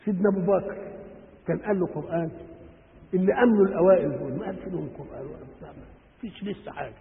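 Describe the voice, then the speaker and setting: Egyptian guy explaining scripture, high gravelly voice, keeps asking the crowd questions, echoey hall, tinny sound. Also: very fast. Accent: Egyptian Arabic. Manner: asks the audience rhetorical questions and answers them himself. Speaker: Quran teacher.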